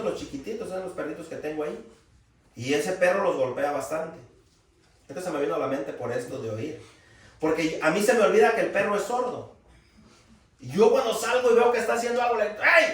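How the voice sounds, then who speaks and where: A preacher with a high voice delivers a folksy, animated sermon, raising his voice for emphasis. His voice rings through a very echoey hall. He stands some way back from the mic. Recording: very echoey room, from far off.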